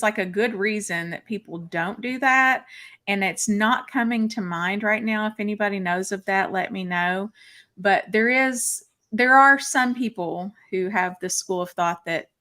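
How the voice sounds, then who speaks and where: A woman on a casual group video chat, explaining in a rambling, halting way with many restarts. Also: medium pitch, pushed and bright. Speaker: panelist.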